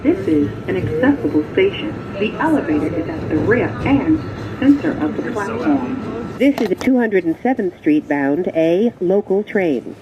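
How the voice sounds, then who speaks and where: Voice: very animated, moderate pace, muffled recording. An automated subway announcer voice made of spliced-together recorded words, stiff and evenly paced. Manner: stiff, evenly paced, pieced-together phrases with sudden pitch jumps between words. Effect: spliced-together recorded words over a train loudspeaker. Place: inside a moving subway car. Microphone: train loudspeaker picked up from across the car. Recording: echoey loudspeaker heard from far off with loud train noise.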